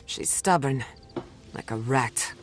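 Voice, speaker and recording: An actress playing a determined adventurer companion in a fantasy video game, speaking in a measured, resolute way. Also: female voice, very deep voice, faint music behind.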